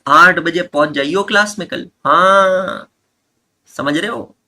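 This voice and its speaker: A man's voice: high voice, slow, pushed and bright. A man teaching a live online class, joking and bantering with students as he mixes Hindi and English.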